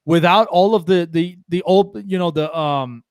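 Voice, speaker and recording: Co-host, man, slightly high voice, rambling and enthusiastic, dry close mic. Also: moderate pace, clean tone, dry recording. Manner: rambling, many restarts and fillers, enthusiastic. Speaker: podcast co-host. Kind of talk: casual sports chat.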